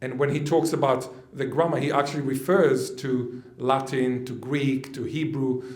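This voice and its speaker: A man's voice: medium pitch, steady tone, normal speed, roomy sound. A man raised in Israel giving a conference lecture, chatty and joking with the audience. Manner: chatty, with jokes and asides to the audience. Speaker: conference speaker. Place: lecture hall.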